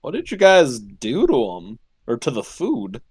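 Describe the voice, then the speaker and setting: A man's voice: medium pitch, huge pitch swings, measured pace, a little mellow, breathy edge. A man playing a tabletop game, talking in a rambling, jokey way that stops and restarts. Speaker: player. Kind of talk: casual tabletop game chat.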